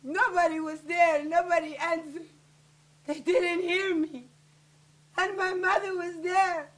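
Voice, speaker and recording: Woman, dramatic monologue performer; very high, slow and tense, wailing through tears. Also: steady tone. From Haiti. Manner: anguished, wailing and shouting. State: crying. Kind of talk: dramatic spoken-word monologue.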